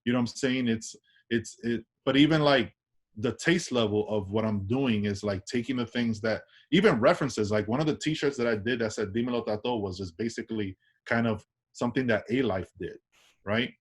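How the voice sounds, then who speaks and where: Brisk and slightly breathy, this medium-pitched man is an artist from Washington Heights with a New York accent. He talks casually in an interview, keeping it loose with frequent restarts and tag questions.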